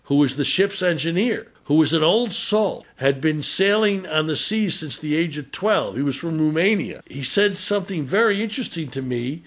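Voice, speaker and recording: A man, a former ship's doctor, giving a measured talk and telling a story from a cruise, pausing often with "uh". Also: fairly high pitch, animated, a bit bright. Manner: measured, with frequent "uh" pauses. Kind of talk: spoken talk with anecdote.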